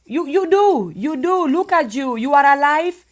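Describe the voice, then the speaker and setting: A woman with a fairly high voice hosts a casual live stream. She keeps affirming and encouraging her guest in short, repeated phrases. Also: animated, measured pace.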